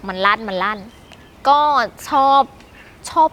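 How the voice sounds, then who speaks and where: A woman from northeast Thailand who rides motorbikes, chatting through casual interview answers with lots of soft polite particles. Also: a little hiss or hum. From Khon Kaen, northeast Thailand. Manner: chatty and polite, heavy use of soft polite particles, quick laughs.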